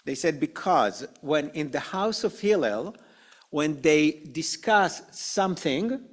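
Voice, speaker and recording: A man teaching an adult education class in a slow, conversational way, often checking with "okay?" and asking the group questions. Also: fairly high pitch, lively intonation. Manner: frequent "okay?" and "right?" checks, many "uh" fillers. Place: synagogue classroom.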